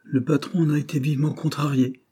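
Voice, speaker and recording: Guy voicing a dutiful young clerk, patient and firm, slightly raised, husky. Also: fairly high pitch, little pitch movement, brisk, warm tone, voice pushed up. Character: earnest conscientious young male clerk.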